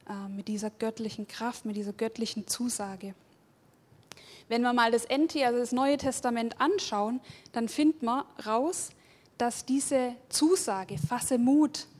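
Her voice is fairly high and a little mellow as she delivers a sermon with emphasis. Stacking one repeated phrase on another, the preacher puts questions straight to the people listening.

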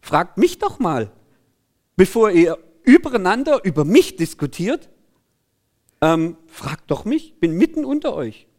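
Guy doing the healed blind beggar, high voice, jumpy and eager, wants people to ask him. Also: a little slow, heavily acted. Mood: insistent. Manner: excited, insistent calling out.

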